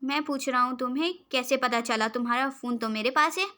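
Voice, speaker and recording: Jealous, stubborn young man, storybook reading voiced by a woman, high and brooding. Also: a little fast, sharp tone. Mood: bitter.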